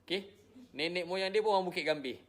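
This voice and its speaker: A man's voice: high-pitched, fast. A married man from Malaysia speaking straight to his viewers, weary and defensive, repeating himself often. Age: adult, married with a child. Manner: repetitive, defensive, tired. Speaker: social media personality. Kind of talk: emotional direct-to-camera statement.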